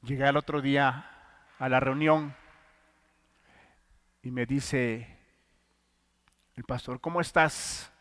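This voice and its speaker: A middle-aged man with a Mexican Spanish accent preaching a sermon, moving between loud pleading and hushed, intimate testimony. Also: mid-range voice, steady tone, slow, long pauses.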